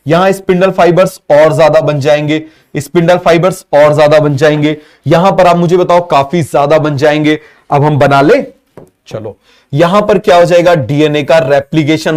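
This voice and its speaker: A man teaching a biology exam-prep lesson with a Hindi accent, talking fast and constantly quizzing students with repeated questions. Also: on the high side, darkish tone.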